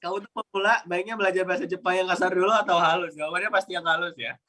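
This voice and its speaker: A man's voice: high-pitched, fairly even intonation, very fast, pushed and bright. A man mentoring a Japanese language class, answering questions in a chatty way with many fillers and demonstrating Japanese intonation. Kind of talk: online class Q&A, casual explaining.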